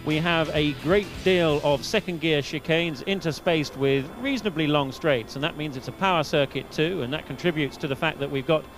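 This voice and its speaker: A man co-commentating on a motor race, calmly explaining strategy with a fairly high voice and the odd hesitation. Music plays clearly underneath. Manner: measured, explanatory, a few hesitations. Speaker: expert co-commentator.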